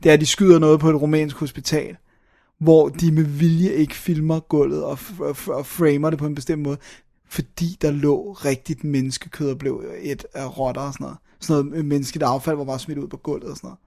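A man with a slightly high voice hosts a casual film review, talking in an animated, loose way. He drops casual English slang between his own sentences. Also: gravelly. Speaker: podcast host reviewing films. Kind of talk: casual chat.

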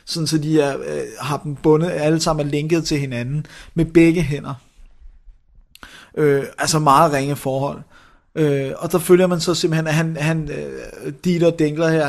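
Here a man with a fairly high pitch and flat delivery co-hosts an informal film review show. He sounds enthusiastic but stumbles through plenty of fillers and restarts.

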